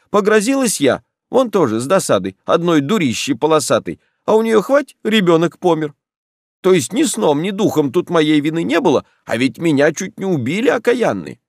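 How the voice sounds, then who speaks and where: Man playing a shrill old village woman from a storybook, mumbling and grumbling, dry close sound. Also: dry recording. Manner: mumbling, lamenting and scolding. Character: old peasant woman, grumbling, hard of hearing. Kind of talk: audiobook narration.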